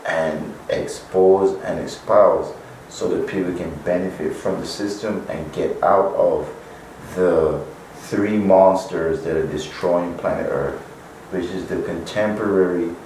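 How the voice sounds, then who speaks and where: A Barbadian man, an author appearing as a guest, gives long interview answers on spiritual teaching and leans heavily on "you know." His voice is low, darkish, unhurried and fairly even. The room sounds echoey and distant, with faint noise.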